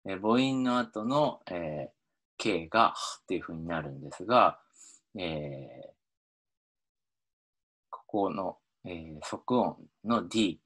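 Deep-voiced man explaining with many fillers. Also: slightly rough. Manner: hesitant, many fillers and restarts; animated, pitch swinging up and down. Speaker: linguistics lecturer. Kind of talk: explaining phonology over slides.

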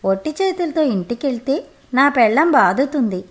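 A woman voicing a naive, rough-looking male forest hunter who asks simple, guileless questions in a storybook reading. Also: sits high, lively intonation, moderate pace. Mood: innocent.

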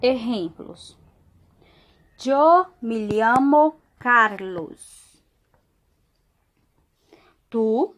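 A Brazilian woman teaching a recorded school lesson, her voice sitting a touch high. She talks slowly and repeats words as she explains. She reads example sentences aloud between her explanations. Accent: Brazilian Portuguese. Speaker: Spanish teacher.

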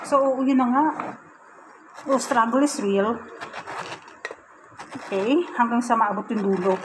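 A woman's voice: high voice, background noise. A woman chatting casually in a home kitchen vlog, giggly and self-mocking. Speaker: vlogger.

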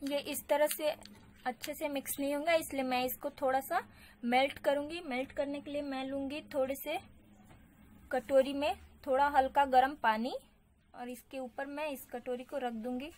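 Woman, vlog host, high chatty tutorial voice-over. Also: fairly even intonation, moderate pace, a little mellow. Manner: chatty, repeats "so guys". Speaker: beauty channel host.

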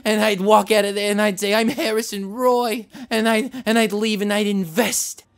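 In this animated short, a man voices a desperate, rambling cartoon character who keeps insisting on who he is and begs to be believed, repeating himself and tripping over restarts. His voice sits high and gravelly, with a flat delivery at a normal speed, and the mood is pleading.

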